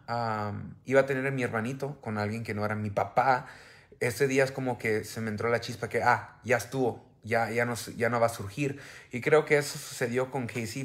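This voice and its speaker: A man in his thirties, raised in the United States, talking earnestly in Spanish and English with hesitant fillers, filmed on a phone held at arm's length on a home couch. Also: mid-range voice. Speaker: co-host, husband. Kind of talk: casual bilingual chat.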